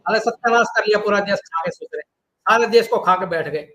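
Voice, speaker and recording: Very high-voiced man ranting angrily. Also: brisk, a bit bright, low-quality recording. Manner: angry, insulting ranting. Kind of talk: played debate clip.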